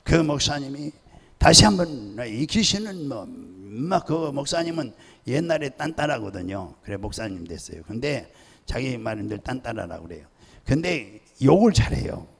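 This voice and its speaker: A man's voice: mid-range voice, very animated, moderate pace, vocal fry, husky, long reverb tail. An older man, a pastor emeritus, preaching a sermon and telling stories, acting out the voices of people in them. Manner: storytelling, acting out pleading and shouting voices. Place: church sanctuary.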